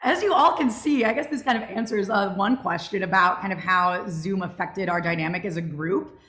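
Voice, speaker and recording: Speaking at a normal speed with a medium-pitched, slightly bright voice, a young adult woman casually leads a question-and-answer session. She represents a student audio drama club and joins the group video call from home, where the room sounds echoey through her call microphone.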